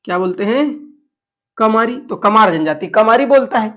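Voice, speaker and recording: A man's voice: sits high, expressive, moderate pace, fairly bright tone. A man teaching an exam class, asking questions and answering them himself, with local phrases mixed in. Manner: slips into Chhattisgarhi phrases. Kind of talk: lecture drilling exam facts.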